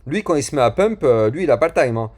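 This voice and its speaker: A man's voice: mid-range voice, expressive, fast talker, a little mellow. A chatty man talks viewers through crypto charts in an easy, informal way. His speech is full of fillers and street slang, with restarts while he hunts for a word. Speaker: crypto YouTuber. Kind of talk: chart analysis and channel promotion.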